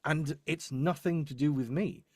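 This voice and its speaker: With a fairly high, mellow voice and an unhurried pace, a man coaches live and unscripted as a demo producer. He drives his points home through repetition and keeps asking "right?" The recording is dry and studio quality.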